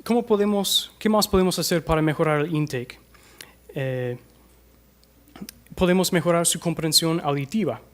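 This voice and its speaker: A man with an American accent gives a conference talk on language teaching, speaking into a microphone in a fairly high voice. He hesitates often between phrases and slows down to demonstrate pronunciation for the audience. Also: fairly bright tone. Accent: American English. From United States. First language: English. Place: conference hall.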